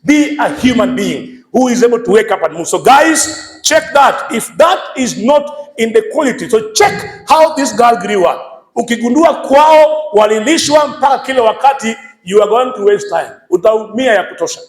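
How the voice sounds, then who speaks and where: A man with a Kenyan accent preaching a lively sermon, switching between English and Swahili and shouting some points for emphasis. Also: very high-pitched, normal speed, reverberant, poor audio. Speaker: pastor.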